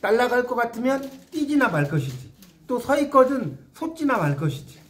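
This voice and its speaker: A man's voice: very high voice, sing-song, moderate pace, a bit bright. A man giving a classroom lecture on classical poetry, explaining it line by line and often putting questions to his listeners. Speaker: literature lecturer.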